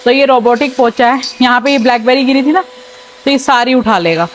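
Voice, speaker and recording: Young mom vlogging chores, pretty high voice, chatty, phone cam at home w faint household hum. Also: female voice, fairly quick. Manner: chatty, mixes English into Hindi, talks to her child between lines. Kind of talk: casual home vlog chat. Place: home, indoors, while cleaning floors.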